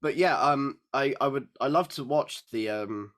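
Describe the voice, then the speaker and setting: A man's voice: mid-range voice, moderate pace, a bit bright. A man, a guest on a podcast, talking casually and rambling, with many fillers. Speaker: podcast guest, music composer. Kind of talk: casual chat.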